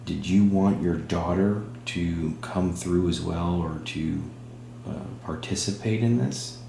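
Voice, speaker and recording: Deep voiced guy asking a spirit questions, slow n halting, roomy echo, hum in the background. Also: vocal fry. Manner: halting, pauses between short phrases. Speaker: host of a spirit box session. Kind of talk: spoken session, addressing a spirit with questions.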